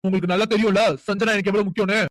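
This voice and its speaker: A performer voicing a hot-tempered, possessive young man in a cartoon who shouts and demands. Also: mid-range voice, flat delivery, very fast, no room sound, lightly acted, low-quality recording. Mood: angry. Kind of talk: cartoon voice acting.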